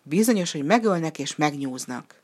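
A woman's voice: low-pitched, expressive, a little mellow. A woman doing a knowing little boy. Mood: earnest. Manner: earnest, warning. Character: young boy, calm and knowing.

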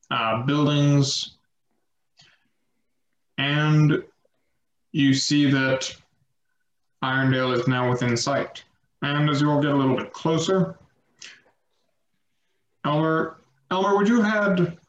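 A man runs a tabletop game as its game master, unhurried and halting, filling pauses as he describes the scene. The recording is muffled and roomy, with a faint hiss behind him. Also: a little high, fairly even intonation. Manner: slow, halting narration full of fillers.

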